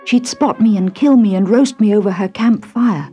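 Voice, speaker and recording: A woman voicing a frightened male lizard in a storybook, speaking in a hushed whisper. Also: medium pitch, moderate pace, muffled recording, faint music behind, pitched above the performer's own voice, close to an everyday voice. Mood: fearful.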